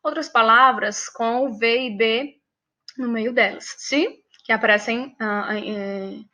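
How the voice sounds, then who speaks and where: A Brazilian woman gives a slow classroom lesson, stretching out her words and pausing often. Her voice is fairly high and bright, and she keeps checking that her students follow. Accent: Brazilian Portuguese. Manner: patient, repeats words and asks for agreement. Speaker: Spanish teacher. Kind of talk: classroom lesson, mixing Portuguese and Spanish.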